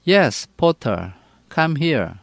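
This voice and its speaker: A man reading as a nervous teacher serving a dark master. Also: a little high, sing-song, gravelly, dry recording, studio quality, heavily acted. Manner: slow, deliberate reading. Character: nervous male teacher, a dark wizard's servant.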